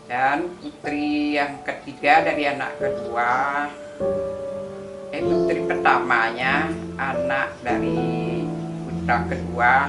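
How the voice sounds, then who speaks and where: A woman in her sixties, a grandmother, calmly answering interview questions in simple, measured phrases. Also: very deep voice. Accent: Indonesian. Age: 60s. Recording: echoey room with loud music behind.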